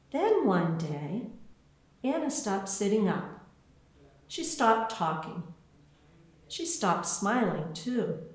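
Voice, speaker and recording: A woman with a fairly low voice reads a picture book aloud as scripted storybook narration. She speaks slowly and deliberately, using a wide, lilting range and expressive phrasing for young listeners. The recording is very echoey, with a roomy sound.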